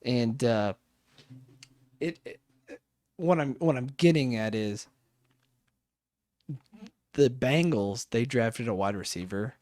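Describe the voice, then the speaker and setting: A young man in his twenties co-hosting a podcast, rambling excitedly about football with plenty of swearing. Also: medium pitch, slow pace, pauses often, no room sound, clean studio sound. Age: 20s. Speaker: podcast co-host. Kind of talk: casual chat.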